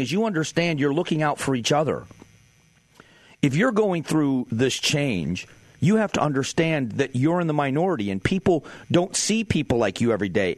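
A man's voice: medium pitch, no room sound. A man in his forties from Southwest Florida, hosting a talk radio show and delivering an opinionated monologue in a firm, emphatic, conversational way. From Southwest Florida, USA. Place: radio studio. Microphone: studio microphone.

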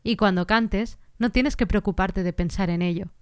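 A woman, hosting a singing-lesson podcast and explaining things in a clear teaching tone. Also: medium pitch, normal speed, no echo, studio quality.

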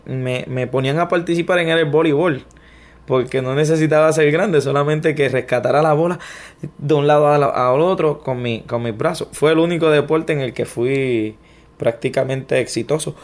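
Puerto Rican man telling his story haltingly. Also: fairly high pitch. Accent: Puerto Rican Spanish. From Puerto Rico. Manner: reflective, halting, many restarts and fillers. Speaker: interview guest. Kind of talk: personal testimony interview.

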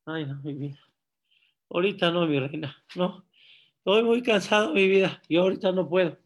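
A man voicing a worn-out husband who gently begs off. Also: high voice, normal speed. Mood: weary.

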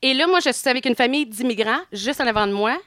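A middle-aged woman with a Quebec French accent tells a long story as a podcast co-host. Her voice is bright and crisp, and she laughs easily as she talks. The sound is close and dry. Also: a little high, fast, no echo. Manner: animated storyteller, laughs often. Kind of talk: casual chat.

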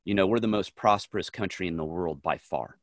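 A man's voice: sits low, fairly quick, dry recording, clean studio sound. A man co-hosting a podcast, speaking earnestly and emphatically in short, firm statements during a casual conversation. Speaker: podcast co-host.

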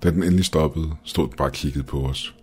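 Very deep-voiced man narrating horror. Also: fairly even intonation, darkish tone, slightly rough. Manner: tense, dramatic first-person storytelling. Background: faint music.

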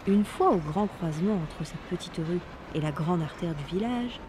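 A woman narrating a Christmas storybook with lively, playful delivery and little sound words. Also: on the low side, moderate pace, noisy background.

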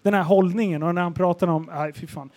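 A man co-hosting a casual podcast, throwing in quick jokes and laid-back remarks. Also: high-pitched, fairly even intonation, darkish tone. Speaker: podcast co-host.

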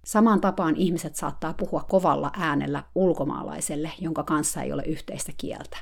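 A woman's voice: low voice, steady tone, vocal fry. A woman reading her dated diary entry aloud in a dry, wry, mock-solemn storytelling manner. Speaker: blogger narrating a diary. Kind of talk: read diary narration.

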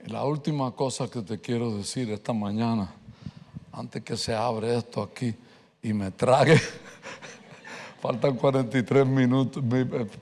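Man, pastor preaching, lively storyteller, mid-pitched voice, long hall reverb. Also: measured pace, pauses often. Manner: animated storyteller, mixes English words. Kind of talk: sermon with personal story.

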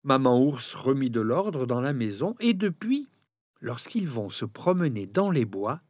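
A man reading a children's storybook aloud, slowly and with great expression. His slightly husky voice rises and falls in a lively way. The recording is close and dry, with faint music underneath. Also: medium pitch, no echo. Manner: expressive, addresses listeners directly.

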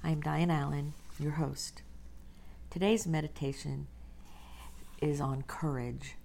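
A woman host leading a guided meditation like a sleep story narrator, gently and unhurriedly, with soft breathy phrase endings and long pauses. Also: deep voice, steady tone, a little hiss or hum.

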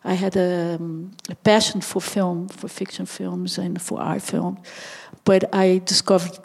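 A woman with a Brazilian Portuguese accent, a filmmaker answering interview questions in a halting way, pausing often to find her words. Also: on the low side, level tone, creaky, a little mellow, slightly rough. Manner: halting, searching for words with many pauses. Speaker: documentary filmmaker, interview guest.

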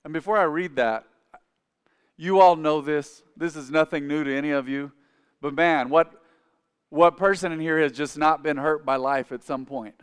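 Standing in a church sanctuary whose large hall rings with long reverb, a man in his forties preaches as pastor and has the congregation repeat his phrases. His voice is a little high, clear and resonant, with fairly even intonation at a moderate pace.

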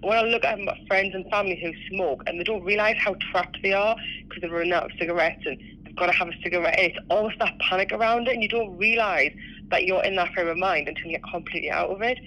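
A man who used to smoke, talking earnestly about quitting, with halting restarts. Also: sits high, pushed and bright, slight background noise, rough recording. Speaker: former smoker. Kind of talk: personal testimony.

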